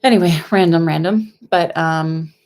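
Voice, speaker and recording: A young woman with a lisp, a whistling s and a slight cold, speaking fairly quietly and hesitantly in a casual livestream psychic reading. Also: on the low side, moderate pace. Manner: hesitant, rambling, conversational. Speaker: psychic medium host giving live readings.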